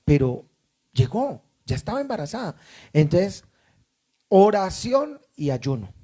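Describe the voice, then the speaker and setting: A man's voice: high voice, big pitch swings, unhurried, mellow, husky. A man from Colombia who pastors a church, preaching emphatically and asking the congregation questions.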